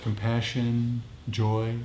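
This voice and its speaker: This man's mid-range, dark-toned voice is completely flat, and he draws out his words. He's leading an informal meditation group discussion, explaining reflectively and repeating phrases often. The meeting room sounds echoey, with faint background noise.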